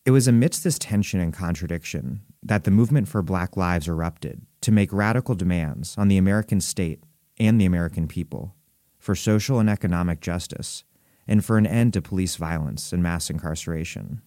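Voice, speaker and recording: A man's voice: sits low, a little fast, warm tone, no room sound, studio quality. A man reading a scripted introduction as the host of a podcast.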